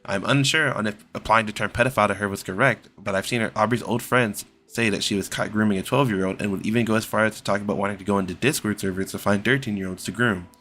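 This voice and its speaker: A young man reading a somber scripted apology as an online creator, serious and measured, sometimes stumbling over his words. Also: on the low side, steady tone, bright, forceful tone.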